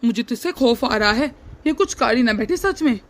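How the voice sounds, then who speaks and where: A woman's voice: a little high, lively intonation, moderate pace. A woman voicing a hot-tempered young husband in a cartoon who blusters and threatens his wife. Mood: scared.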